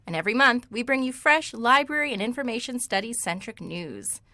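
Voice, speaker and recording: A young woman co-hosting a student radio show, reading a scripted segment in a brisk, wry way. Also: on the high side, animated, sharp tone. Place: radio studio.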